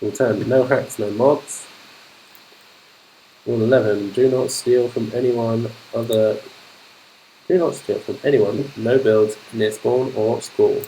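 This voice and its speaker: A man from London with a polished, non-Cockney London accent, an English teacher commentating a game livestream, speaking slowly and clearly for learners. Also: medium pitch, steady tone, dark tone, a little hiss or hum, poor audio. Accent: polished London English, not Cockney. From London, England. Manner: upbeat, keeps saying fantastic.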